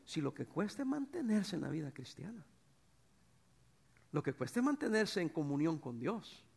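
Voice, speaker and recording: Man, middle-aged pastor, sermon, high gravelly voice, loud-to-soft swings. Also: moderate pace. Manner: animated preacher, swings from shouts to soft tones.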